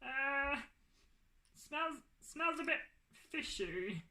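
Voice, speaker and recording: A woman voicing a cheeky, hungry puppet creature boy, talking in a squeaky, silly way. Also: expressive, pushed and bright, echoey room, full character voice. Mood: wary. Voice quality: squeaky, high cartoonish voice. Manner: silly, greedy, quick to sulk.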